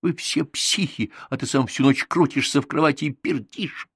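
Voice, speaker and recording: A man reading an audiobook, voicing a jealous, hot-tempered young boy who yells insults. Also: a little high, normal speed, gravelly, husky, no echo, clean studio sound, voice pushed up, exaggerated voice. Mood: angry. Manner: loud, yelling, rude insults.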